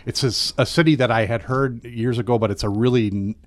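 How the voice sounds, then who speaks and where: A man's voice: medium pitch, brisk, no echo. Playful rambling male radio host. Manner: playful, jokey, rambling with restarts and sung bits. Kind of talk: casual radio interview chat. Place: local radio studio.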